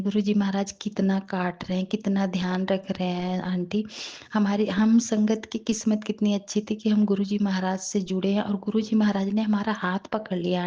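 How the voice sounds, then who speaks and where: A woman giving a tender devotional talk to her listeners, in a rough, worn voice that often slips into a whisper. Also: mid-range voice, warm tone, dull audio. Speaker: devotional satsang speaker.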